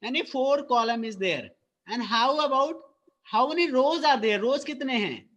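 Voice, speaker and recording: Guy teacher on a video call, fairly high voice, keeps repeating stuff n asking the kids questions. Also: expressive, extremely slow, a bit bright, slight background noise. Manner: patient, repeats and quizzes students. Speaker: school English teacher. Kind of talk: online phonics class, mixing Hindi and English.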